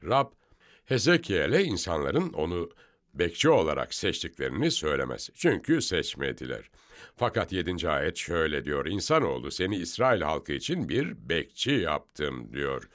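A man's voice: sits low, big pitch swings, normal speed, a bit bright. A man explaining Bible passages step by step in a scripture study discussion, emphatic and explanatory. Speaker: Bible teacher.

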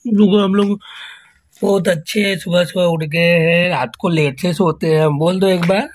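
A family vlogger chats casually at home, filming on a handheld phone and repeatedly addressing his viewers as friends. His voice is high, with a steady tone and moderate pace.

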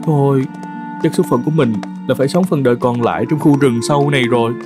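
In a cartoon folk tale, a man gives voice to a weary old horse, loyal but cast out, sounding plaintive, dejected and resigned. His mid-range voice is natural and quick, and music runs underneath the dialogue.

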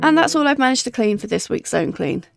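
Gentle chatty woman with a gravelly edge. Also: a little high, very animated, quick pace, over music. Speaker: cleaning vlogger. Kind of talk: calm voice-over narration. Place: home kitchen.

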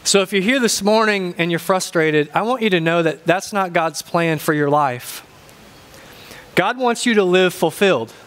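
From a large indoor church stage, a male pastor in his fifties with a thick Ozarks accent preaches a sermon. His voice is fairly high and fairly bright for a man, with lively intonation. He speaks deliberately, repeating key phrases for emphasis.

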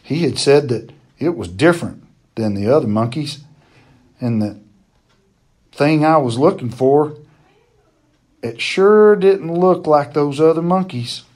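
Man reading a story aloud, higher voice. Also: expressive, unhurried, long pauses, darkish tone. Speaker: reader of a children's novel chapter.

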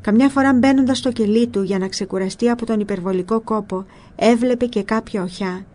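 A woman narrating a spiritual book in a calm, measured storytelling voice. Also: fairly high pitch.

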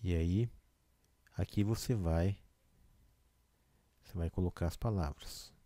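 A Brazilian man teaching a casual lesson, explaining slowly and often checking in with the listener. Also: deep voice, mellow, no echo. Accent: Brazilian Portuguese. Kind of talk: casual classroom lesson video.

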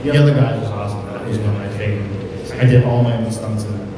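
A man's voice: fairly low pitch, flat delivery, fast talker. A middle-aged man working as a stage hypnotist, hosting a live show and talking with participants through a handheld microphone. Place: large indoor school hall with seated audience. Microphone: handheld microphone through speakers, recorded by far camera. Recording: echoey hall, distant mic, loud noise.

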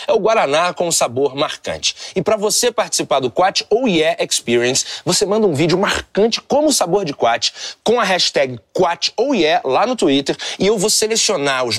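High-pitched young Brazilian man hosting. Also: a bit bright, dry recording, clean studio sound. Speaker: comedy show host. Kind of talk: informal presenting to camera. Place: small TV studio lounge set.

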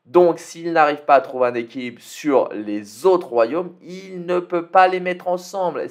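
A man giving casual commentary on a strategy game, talking it through with fillers and small asides. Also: mid-range voice. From France. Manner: chatty, thinks aloud with fillers and tag "hein". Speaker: gaming YouTuber.

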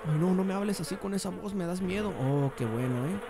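A man's voice: high-pitched, expressive, a little fast. Young mexican guy swearing through a game, voice jumping all over, noisy mic with clicks behind. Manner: crude slangy banter, bursts into shouts. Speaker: gamer. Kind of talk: profane gameplay commentary.

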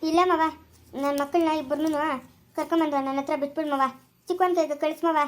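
A woman's voice: high voice, steady tone, fairly quick, natural voice. A woman voicing a pleading estranged mother. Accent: rural Chikkaballapura Kannada.

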